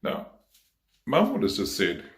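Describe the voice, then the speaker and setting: Deep-voiced New man, halting eulogy. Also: wildly swooping pitch, roomy sound. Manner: unhurried, halting, with many pauses and fillers. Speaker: son giving a eulogy. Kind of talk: memorial eulogy. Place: memorial service venue.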